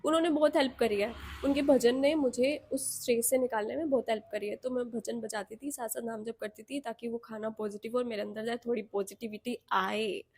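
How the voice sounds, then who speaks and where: Young woman, Indian accent, personal vlog storytelling, candid, self-mocking, somewhat high pitch. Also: steady tone, brisk, hardly any pauses, darkish tone, husky. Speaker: vlogger.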